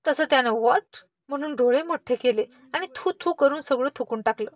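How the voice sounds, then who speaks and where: A woman narrating a family story in a lively, expressive reading style. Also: high voice, fairly quick, no echo.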